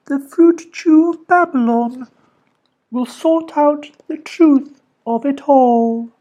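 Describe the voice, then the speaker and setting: A man doing a squeaky, spirited little girl. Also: slow. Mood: breathless. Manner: squeaky and excitable. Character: brave young girl heroine, spirited.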